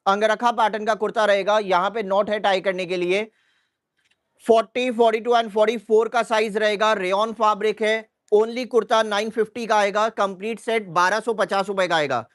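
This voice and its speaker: A man hosting a live shopping sale, briskly listing sizes and prices over and over. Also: high-pitched. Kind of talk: live sales pitch.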